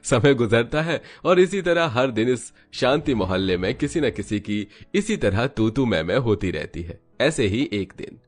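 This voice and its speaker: A man narrating an animated moral story in a scripted, even storytelling way. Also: medium pitch, normal speed, hardly any pauses.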